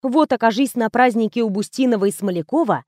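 A woman reading a first-person novel aloud in a calm, wry manner. Her voice is high for a woman. The sound is dry and close to the mic. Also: quick pace, no room sound. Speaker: audiobook narrator. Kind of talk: first-person audiobook narration.

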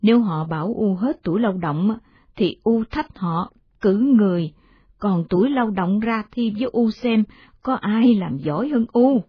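A woman's voice: mid-range voice, expressive, a little slow, husky, no room sound, dull audio. A woman voicing an elderly village mother-in-law who speaks plaintively and pleadingly, in a storybook reading. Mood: earnest.

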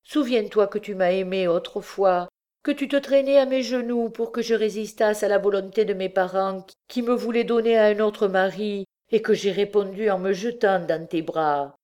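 A woman's voice: mid-range voice, normal speed, darkish tone, pitched above the performer's own voice, natural voice. A woman voicing a desperate mother who pleads with her bandit husband, speaking emotionally and breathlessly.

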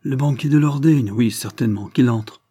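Man voicing a country squire, irritable, indignant, sharp questions, high pitch. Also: normal speed, breathy edge, no echo, clean studio sound, lightly acted. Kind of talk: audiobook character reading.

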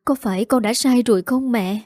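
A guilt-ridden young woman, as a woman reads her part in a drama recap. She pleads in a frightened, mellow voice. The recording is dry. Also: fairly high pitch, normal speed, no echo, lightly acted.

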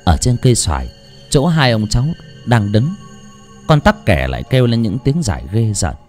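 A man narrating a horror audiobook in a dramatic, expressive way. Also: mid-range voice, moderate pace, faint music behind. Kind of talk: scripted horror story narration.

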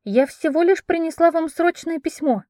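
A woman reading an audiobook, voicing a cheeky young maid in a high, excited pleading voice. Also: normal speed, no echo, clean studio sound.

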